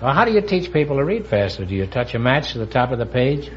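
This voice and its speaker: A man hosting a quiz show, teasing his guests with sly quick wisecracks. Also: mid-range voice, big pitch swings, a loud crowd. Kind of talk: wisecracking interview banter. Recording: dull old broadcast with hiss, audience.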